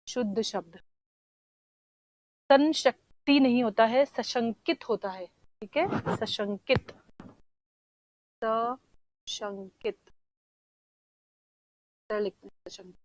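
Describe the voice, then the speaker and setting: A woman teacher going through exam answers one question at a time. She explains slowly, spells out words while she writes them and keeps checking with "theek hai". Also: a little high, darkish tone, dry recording. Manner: often says "theek hai" to check understanding. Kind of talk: exam answer discussion lesson.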